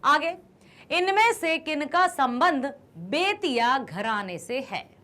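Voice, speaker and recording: A woman teacher with a high voice that climbs and falls a great deal. She takes her time and unhurriedly walks students through quiz questions, cheering on correct answers. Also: very animated, slow, sharp tone. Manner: encouraging, asks questions and praises answers; stresses careful pronunciation. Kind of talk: Hindi quiz lesson for students.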